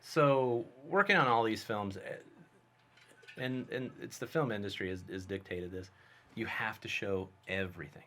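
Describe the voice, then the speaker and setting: Brief: lower-voiced male guest, lively casual storyteller. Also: normal speed. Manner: animated, vivid storyteller. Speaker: guest, special effects artist and filmmaker.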